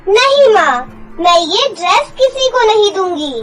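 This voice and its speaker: A woman voicing a gentle, mistreated young girl in a cartoon story, pleading and tearful. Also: very high-pitched, expressive, unhurried, music in the background, voice pushed up.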